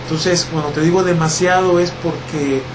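A middle-aged man from El Salvador, answering interview questions in a reflective, relaxed way with many pauses and fillers. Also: a little high, background noise.

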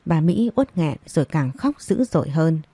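A woman reading a scripted audio story as narrator, in a steady storytelling manner. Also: low-pitched, moderate pace, slightly rough, no echo.

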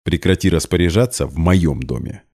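A man voicing a spoiled, scheming young woman who talks in a shrill, shrieking way. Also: animated, normal speed, creaky, mellow, heavily acted. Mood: screeching. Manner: shrill, shrieking, mock-hurt.

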